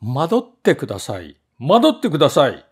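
A sly little storybook mouse, ungrateful and condescending, who whines in a high, swooping voice, played by a man reading aloud. He acts put upon and grand, and his complaints climb to shrill wails. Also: big pitch swings, measured pace, darkish tone. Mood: shrill outrage. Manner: smug and condescending, turning to shrill wailing.

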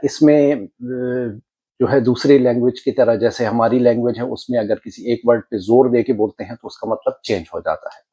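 A man teaching an exam lesson, explaining step by step and slowing down to model example sentences. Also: medium pitch, dark tone, breathy edge. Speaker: exam tutor.

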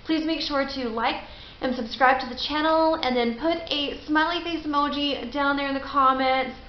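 A woman's voice: high voice, fairly even intonation, normal speed. A middle-aged woman talking casually as host of a homemade vlog in a garage. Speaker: video host. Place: small garage, indoors. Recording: dull roomy garage sound with noise.

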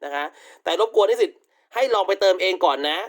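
A man's voice: sits high, brisk. A male university English teacher giving a recorded online vocabulary lecture, affectionately calling students "child" and repeating polite tag particles.

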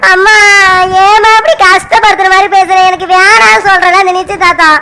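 A woman's voice: extremely high pitch, fairly even intonation, brisk, background noise. A woman voicing a young adult daughter in a cartoon family serial, pleading and stubborn against her family. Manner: pleading, tearful. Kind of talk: animated family serial voice acting.

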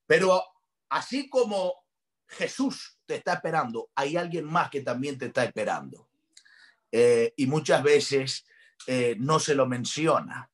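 Impassioned male pastor preaching. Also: a little high. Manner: impassioned preaching, rising to shouts. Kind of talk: sermon. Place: online congress broadcast.

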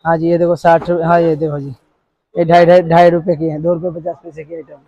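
A man in his thirties working as a wholesale shopkeeper, showing goods and listing prices in a brisk, repetitive sales patter inside a crowded shop. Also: a little high, flat delivery, lo-fi sound. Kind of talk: sales pitch to a vlogger. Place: crowded cosmetics shop, indoors.

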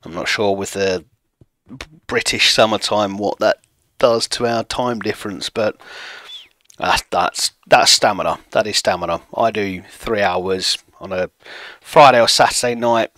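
Man, late thirties, casual streamer chat, low voice, dry close sound. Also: unhurried, a bit bright, no echo. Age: 30s. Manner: chatty, self-mocking, reads chat aloud. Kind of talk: casual chat with stream viewers while playing. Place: home room at a desk.

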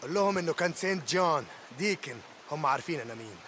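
A man's voice: on the high side, animated, very fast, pushed and bright, a little hiss or hum. An actor with an Egyptian Arabic accent voicing a tough, weary male biker drifter in a video game, curt and commanding.

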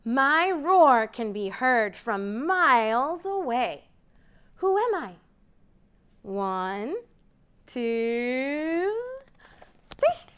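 Filmed at mid distance in a library program room, a woman in her thirties reads a picture book to little children. Her high voice leaps widely in pitch as she goes slowly and clearly, building excited rising counts in a lively storytime manner.

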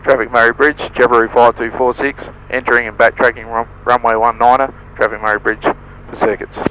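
A man's voice: mid-range voice, little pitch movement, a little fast, pushed and bright, low-quality recording. A man making formulaic aviation position calls on an aircraft radio. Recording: aircraft radio transmission, faint engine noise.

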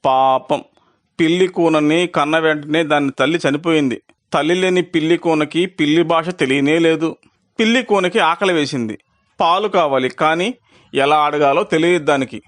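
A man narrating a children's moral story as storyteller, in an expressive manner that slows down for effect. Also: a little high.

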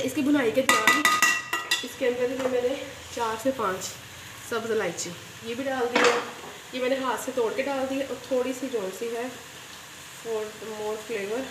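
Her fairly high voice has fairly even intonation and a measured pace, though the recording is very noisy. She hosts a home cooking channel, chatting directly to viewers and often adding a pious phrase as she demonstrates a recipe step by step at the stove, in an echoey kitchen full of loud sizzling and clanking pans.

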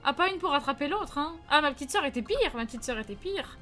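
A young woman streamer with a high, bright voice tells childhood stories with lively energy. She acts out the dialogue and chats casually with her viewers, with faint music playing under her voice. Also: quick pace. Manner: lively anecdote-telling, acts out quotes, reads chat. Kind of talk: casual live-stream chat and storytelling.

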